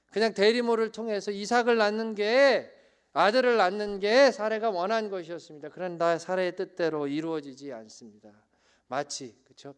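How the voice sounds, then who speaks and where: Korean-speaking pastor guy preaching, high voice, dramatic, gets loud then drops to a hush. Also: smooth. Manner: dramatic, swings from shouting to hushed tones, acts out quotes. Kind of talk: sermon.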